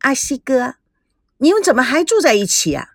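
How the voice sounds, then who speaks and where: A woman's voice: high voice, very animated, normal speed, no echo, clean studio sound, voice pushed up, heavily acted. A woman voicing a cocky, clever teenage girl in an audiobook, talking in a coaxing, know-it-all way. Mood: pleading. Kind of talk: audiobook character voice.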